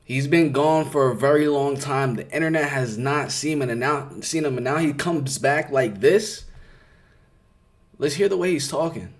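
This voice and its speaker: A man's voice: mid-range voice, moderate pace. A man with a New York accent hosting a reaction video, talking in a skeptical, emphatic way and repeating words as he pushes his point. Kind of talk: casual commentary to camera.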